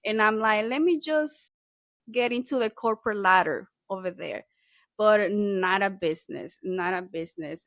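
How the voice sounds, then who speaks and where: A Salvadoran woman, a native Spanish speaker, chats as a guest SEO consultant in a casual interview. She is friendly and slips Spanish words into her speech. Her mid-range voice has a fairly bright tone, recorded dry and close.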